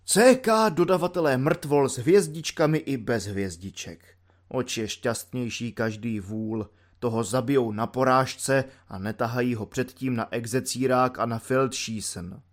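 A man's voice: medium pitch, voice pushed down, close to an everyday voice. A man voicing a bitter, mocking young army volunteer locked in a cell, ranting sarcastically. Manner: sarcastic ranting, spits out insults. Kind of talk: audiobook character voice.

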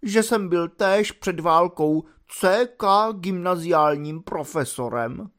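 A man voicing a sickly, self-pitying lieutenant who was once a teacher, speaking in a tragic, faint and drawn-out way. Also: high voice, a bit bright, pitched above the performer's own voice. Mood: tragic, weary.

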